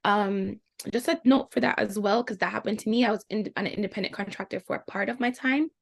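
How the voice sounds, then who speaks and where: A young Jamaican woman, a guest in a casual interview, telling her experiences in an animated way, her pitch leaping up for the reactions she quotes. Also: fairly quick, vocal fry.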